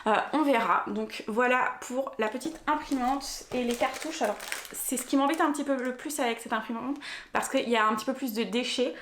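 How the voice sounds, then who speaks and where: A woman's voice: a little high, roomy sound, a little hiss or hum. A young woman vlogging casually about her book haul and an unboxing, rambling with lots of fillers and restarts. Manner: chatty, many fillers and restarts. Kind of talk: casual vlog chat, unboxing. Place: rural home, later in a henhouse.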